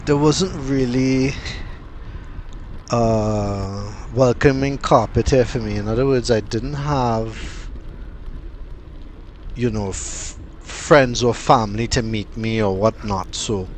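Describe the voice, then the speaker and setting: A man from Trinidad, giving casual, unhurried vlog commentary with plenty of fillers and pauses. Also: mid-range voice, a little hiss or hum. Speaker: cycling vlogger.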